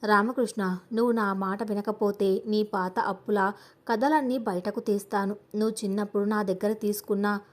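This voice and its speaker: A woman's voice: medium pitch, steady tone, moderate pace, lightly acted. A woman narrator voicing an arrogant, wealthy, scheming middle-aged aunt who talks down to others and threatens them. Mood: haughty threats. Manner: haughty, threatening.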